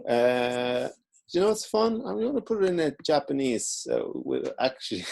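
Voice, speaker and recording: Slow, gravelly man teaching onscreen. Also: medium pitch, a little hiss or hum. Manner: relaxed, informal explaining while clicking. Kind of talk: screen-recorded software tutorial.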